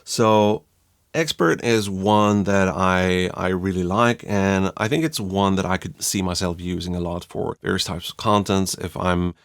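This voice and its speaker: A man from Sweden, reviewing software in a chatty, self-deprecating tutorial style. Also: deep voice, unhurried, no echo, studio quality. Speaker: YouTube reviewer. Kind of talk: casual tutorial talk.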